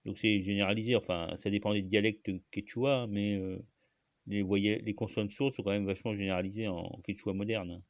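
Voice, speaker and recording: Gravelly man rambling in a casual monologue. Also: lowish voice, steady tone, brisk, no room sound, highs cut off. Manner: rambling, many fillers and restarts, frequent coughs. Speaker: channel host.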